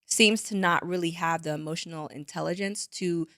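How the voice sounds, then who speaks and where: A woman with a low, gravelly voice co-hosting a casual podcast. She talks through reality TV drama and animatedly acts out other people's lines. The sound is dry and close. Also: normal speed, fairly bright tone, no room sound. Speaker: podcast co-host.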